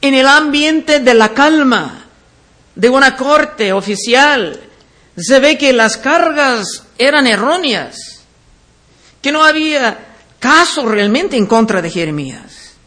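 A man preaching a verse-by-verse Bible teaching sermon, reading scripture aloud and then explaining it deliberately. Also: very high voice, animated, pushed and bright.

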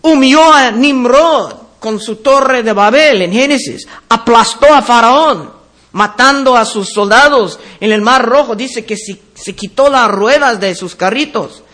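A man preaching a sermon, reading Bible verses aloud and explaining them, slowing down on key words. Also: extremely high pitch, a bit bright.

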